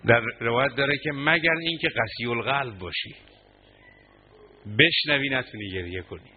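A man preaching a mourning sermon, impassioned, his voice breaking into sobs as he recounts the narration. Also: mid-range voice. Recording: tinny phone-like line, faint noise.

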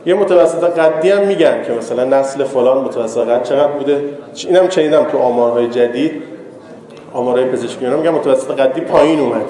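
A religious lecturer with a mellow, mid-range voice gives a chatty, joking conversational sermon to a live audience, building to emphatic moralizing. The recording has an echoey hall with long reverb.

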